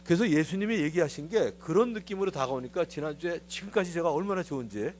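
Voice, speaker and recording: A middle-aged pastor with a fairly high voice talks fast, a little hiss or hum in the audio. In the church sanctuary he delivers a conversational sermon, confiding personal stories and acting out the voices he quotes.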